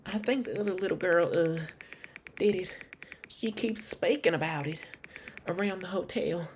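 A man's voice: high voice, a little hiss or hum, pitched above the performer's own voice. A man voicing an evasive young woman staying at a hotel, speaking hesitantly and dodging questions. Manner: hesitant, cagey speech with trailing pauses.

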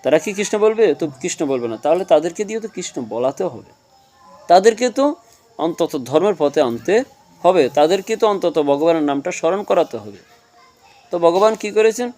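A man's voice: on the high side, animated, normal speed, darkish tone, faint music behind. A man giving a devotional talk, asking his listeners questions and answering them himself, explaining with everyday examples. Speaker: religious speaker.

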